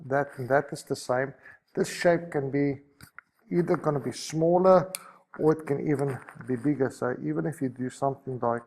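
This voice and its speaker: A man's voice: mid-range voice, moderate pace, a little mellow. A man teaching a maths lesson, talking through each step as he sketches a graph and correcting himself as he goes.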